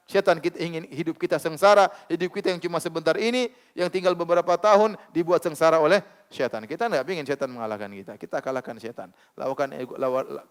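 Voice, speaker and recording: A man preaching a religious lecture in a casual, animated way, slipping into slangy asides and chuckles. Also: on the high side, clear, resonant tone. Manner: conversational, animated, uses street slang and laughter.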